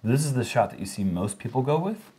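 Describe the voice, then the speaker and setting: A man's voice: mid-range voice, very animated, brisk, mellow, husky. A man doing casual play-by-play commentary on disc golf.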